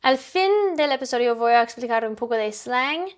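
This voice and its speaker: A woman's voice: on the high side, moderate pace. A woman whose first language is English, teaching an English lesson in careful, non-native Spanish.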